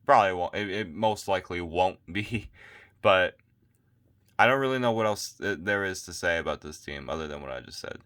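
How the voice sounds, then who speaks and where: A man's voice: sits low, normal speed, fairly bright tone. A man vlogging his sports opinions late at night, tired and losing his voice, rambling and repeating himself into a phone mic. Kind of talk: casual opinion rant.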